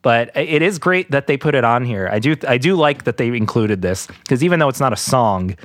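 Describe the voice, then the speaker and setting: A man's voice: mid-range voice, lively intonation, fairly quick, a bit bright, dry recording, studio quality. A man co-hosting a music podcast, chatting casually and laughing often. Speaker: podcast co-host.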